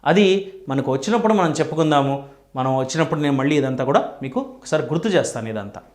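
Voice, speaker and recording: A man's voice: on the high side, animated, rapid-fire. A man teaching a language lesson, spelling words out letter by letter and repeating each rule. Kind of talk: classroom lesson.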